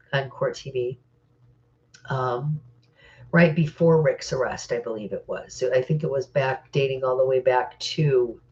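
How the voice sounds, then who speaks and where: A woman's voice: a bass voice, darkish tone, muffled recording. Stuffy-voiced middle-aged woman, hesitant. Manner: hesitant, many fillers, reads comments aloud. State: stuffy from crying. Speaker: live Q&A host. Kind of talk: casual live-stream Q&A.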